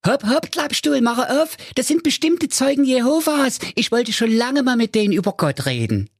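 Man doing a shrill scolding mother. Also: very animated, moderate pace, husky, no echo, studio quality, heavily acted. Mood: brisk. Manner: scolding, high falsetto. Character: gruff, bossy trailer-park mother.

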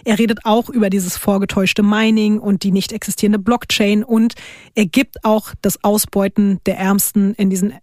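A woman's voice: medium pitch, moderate pace, no echo, clean studio sound. Chatty young woman telling a story. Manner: lively, laughs often, colloquial. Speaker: podcast host telling a true crime story. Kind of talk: casual storytelling chat.

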